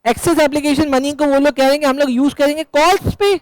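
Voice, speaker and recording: High-voiced joking teacher. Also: male voice, steady tone, fast talker, low-quality recording. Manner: joking, quizzing students, mixing English terms. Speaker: accounts teacher. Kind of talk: classroom lecture. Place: classroom.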